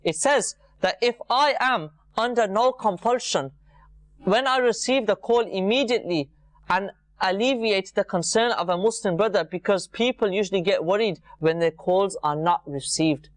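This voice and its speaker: A man with a high-sitting voice gives an informal, earnest religious talk to viewers at a normal pace, repeating phrases for emphasis. He presents a religious programme, and the recording is dry.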